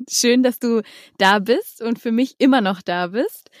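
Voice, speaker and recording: A woman's voice: a little high, a little slow, dry recording, studio quality. A young adult woman hosting a podcast, introducing her guest and asking questions in a friendly, conversational way over a video call. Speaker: podcast host.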